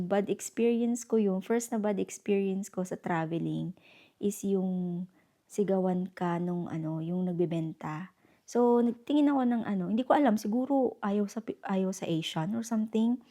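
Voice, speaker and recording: A young woman vlogger talks casually to her viewers, rambling through a story with plenty of fillers and English phrases mixed in. Her voice is soft and mellow at a middling pitch. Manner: chatty storytelling with many fillers and English code-switching. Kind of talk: casual vlog chat.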